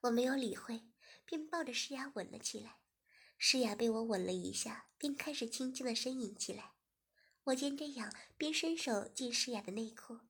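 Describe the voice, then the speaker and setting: Her story is told unhurriedly and evenly by a woman whose voice is breathy and a touch high; occasionally she lowers it to a soft whisper.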